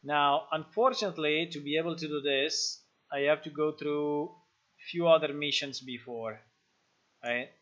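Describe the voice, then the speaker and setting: A man's voice: a little high, measured pace, fairly bright tone. A man from Italy with an Italian accent, chatting casually while building a game live, thinking aloud with frequent fillers and restarts. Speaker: game developer streaming live. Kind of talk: casual live-stream coding chat. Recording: dull lo-fi stream audio.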